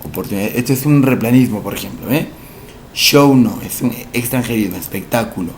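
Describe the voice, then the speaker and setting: A male language teacher, giving a recorded lesson for entrance exams, explaining slowly, repeating each word and asking rhetorical questions. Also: fairly low pitch, a little hiss or hum.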